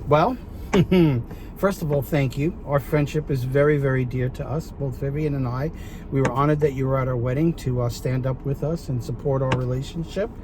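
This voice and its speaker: A man's voice: mid-range voice, fairly even intonation, normal speed, noisy background. A man with a Brooklyn accent, chatting casually as an interview guest and telling stories in a car. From Brooklyn, New York. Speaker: guest chef and TV product presenter. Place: inside a parked car.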